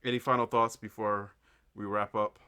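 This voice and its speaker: A man's voice: on the low side, flat delivery, moderate pace, sharp tone, smooth. A man hosting a casual gaming podcast, laughing often and talking in loose slang. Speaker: podcast host. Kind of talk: casual chat.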